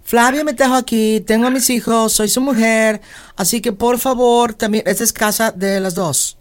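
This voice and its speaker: A woman's voice: on the high side, fairly even intonation, normal speed, natural voice. A woman playing a pushy, mocking second wife in a radio comedy sketch, shushing and talking over the others and dropping English words. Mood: bossy. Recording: noisy radio studio.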